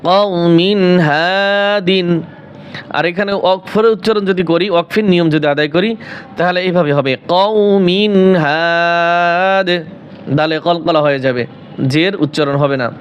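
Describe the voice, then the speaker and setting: High-voiced man teaching Quran recitation. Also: muffled recording, slight background noise. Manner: drawn-out melodic recitation between quick explanations; asks questions then answers them himself. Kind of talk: spelling out and reciting Quranic words.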